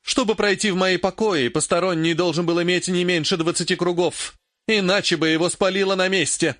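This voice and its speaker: A man reading an audiobook, voicing a furious, grasping old woman mage in a raised, shrill, scolding voice. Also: fairly even intonation, brisk, dry recording, close to an everyday voice. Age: older.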